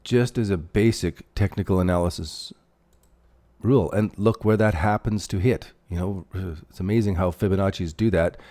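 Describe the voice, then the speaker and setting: Canadian male streamer, low, mellow voice, loose rambling delivery while he reads chat and marks up charts. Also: moderate pace. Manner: rambling, thinks aloud while drawing on charts; reads out and answers viewer chat. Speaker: crypto livestream host. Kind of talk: casual livestream chart commentary.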